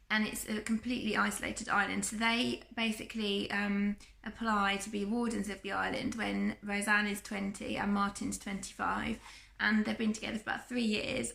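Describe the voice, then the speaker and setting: Croaky-voiced woman chatting books. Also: mid-range voice, a bit bright, roomy sound. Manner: chatty, rambling, with many ums and restarts. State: croaky voice from a cough. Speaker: book vlogger. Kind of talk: casual book haul chat.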